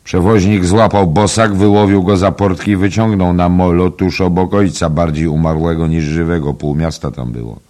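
Guy doing a loud brisk male mourner telling a story, audiobook, voice pushed up higher than his own. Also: expressive. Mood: animated.

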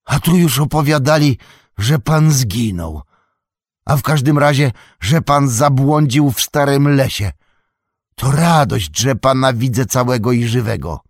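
A man's voice: medium pitch, animated, measured pace, dry recording, studio quality, pitched above the performer's own voice. A man voicing a timid, anxious old male hobbit gatekeeper in an audiobook, fretful and pleading. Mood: nervous. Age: older.

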